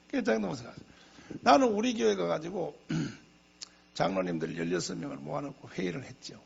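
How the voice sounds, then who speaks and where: Gravelly, husky-voiced male preacher. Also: high voice, lo-fi sound. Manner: emphatic, repeats phrases for effect; animated storytelling with chuckling asides. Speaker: pastor. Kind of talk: sermon to a congregation.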